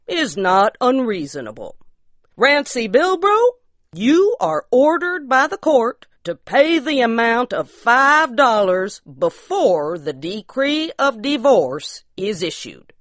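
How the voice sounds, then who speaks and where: A woman's voice: fairly high pitch, very animated, slow, dry recording, voice pushed up. A woman voicing a solemn, pompous rural justice of the peace who speaks in formal, ceremonious legal phrases. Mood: stern.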